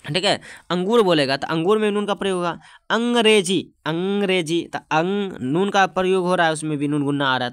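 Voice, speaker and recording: In a slightly bright, high voice, a man teaches an exam-prep lesson, repeating every term and putting questions to the class. The recording is dry and close, with no room sound or echo.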